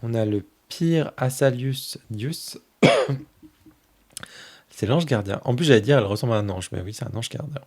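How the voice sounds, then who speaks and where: A man hosting a tarot channel, casually flipping through a new oracle deck and fondly commenting on each card in a soft voice that often trails off. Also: medium pitch, moderate pace, pauses often.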